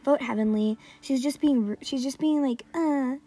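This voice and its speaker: A woman chatting through a video game with excitable, dramatic outbursts. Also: high-pitched, normal speed. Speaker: gamer. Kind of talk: casual gameplay commentary.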